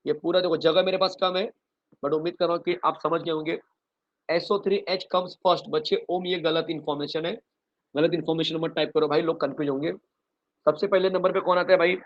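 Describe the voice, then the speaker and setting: Lively man teaching chemistry, dull recording. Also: a little high, a little fast. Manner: calls students "bachche" and "bhai", explains with a story mnemonic; lively, asks questions and answers them himself. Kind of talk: online exam revision lecture.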